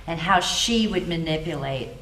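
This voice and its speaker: A woman's voice: fairly low pitch, expressive, moderate pace, fairly bright tone. A woman drama teacher giving encouraging, coaching feedback to acting students. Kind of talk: spoken class critique. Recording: roomy echo, clear background noise.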